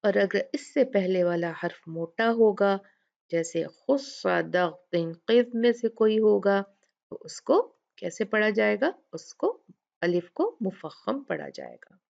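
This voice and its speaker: Slow, patient woman teaching Quranic recitation. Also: mid-range voice, big pitch swings, gravelly, a little mellow, highs cut off. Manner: patient, asks questions then answers them, draws out example words slowly. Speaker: Tajweed teacher. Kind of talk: slow explanatory lesson with recited examples.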